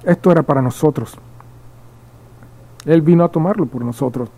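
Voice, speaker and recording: Male pastor preaching, slightly high and mellow, repeats key words, restarts now and then. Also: moderate pace, rough recording. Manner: reads verses aloud, then explains them with repeated emphasis; slips and restarts at times. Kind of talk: midweek sermon with Bible reading.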